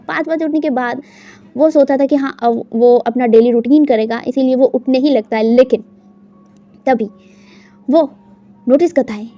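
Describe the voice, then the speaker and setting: A woman retelling a story in a chatty, loose manner, sprinkled with English words and fillers. Her voice is high yet mellow and soft in tone. The recording sounds slightly muffled and lo-fi. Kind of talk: casual story narration.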